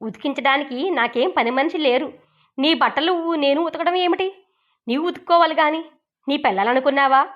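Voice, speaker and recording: Sharp-tongued young woman in a storybook reading, read by a woman; high, curt, scornful. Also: normal speed, highs cut off, natural voice. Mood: dismissive. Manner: curt, dismissive retorts.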